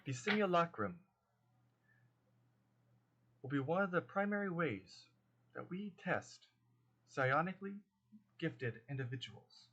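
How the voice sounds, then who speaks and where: A calm robotic simulation voice makes formal, measured announcements in a game session, as a man puts it on. It speaks a little higher than a plain talking voice and stays even and unhurried. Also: exaggerated voice, rough recording.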